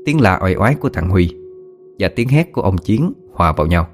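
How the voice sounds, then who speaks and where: A man narrating a story as an audiobook reader, steady and expressive. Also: sits low, a little fast.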